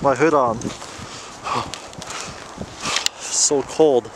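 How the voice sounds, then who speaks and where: A man's voice: medium pitch, extremely slow. A young man vlogging outdoors at night by a frozen river, cold and shivering, chatting casually and laughing often. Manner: relaxed, laughs often, exclaims at the view. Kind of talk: casual vlog chat. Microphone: handheld camera or phone. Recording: outdoor noise on a handheld camera.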